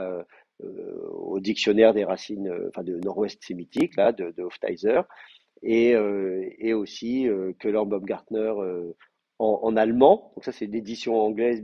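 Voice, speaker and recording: A man with a lowish, creaky, husky voice teaches a language class, working through points step by step and thinking aloud with lots of hesitations and fillers. The class recording is muffled and lo-fi.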